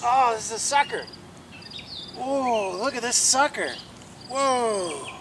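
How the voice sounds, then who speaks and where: A man in his forties, fishing from an outdoor riverbank, chatting excitedly to the camera and to the fish he catches. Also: extremely high pitch, slow pace, background noise. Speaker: fishing vlogger. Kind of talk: casual narration while fishing. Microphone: chest-mounted action camera.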